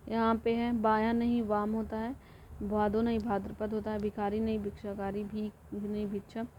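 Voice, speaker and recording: A woman teaching an exam-prep lesson, reading through word pairs and repeating each one in a steady drilling way. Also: medium pitch, moderate pace. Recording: dull lo-fi audio with faint noise.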